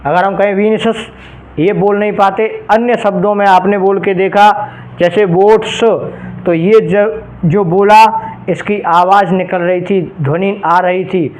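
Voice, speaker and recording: High-voiced, slow-speaking male grammar teacher. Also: rough recording. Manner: explains in Hindi, slowly reading out English example phrases; addresses students directly and checks understanding with rhetorical questions. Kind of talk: exam-prep grammar lesson.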